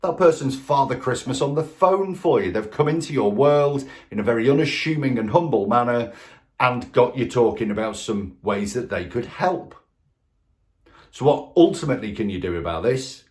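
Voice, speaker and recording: A man's voice: mid-range voice, expressive, moderate pace. Man, sales coach, emphatic, punchy, rhetorical questions, talk to camera. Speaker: sales trainer.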